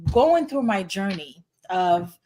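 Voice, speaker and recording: A middle-aged Haitian woman, an internal medicine hospitalist appearing as a guest, answers interview questions earnestly and explanatorily, saying "you know" often. Her mid-range voice is warm and slow, with big pitch swings.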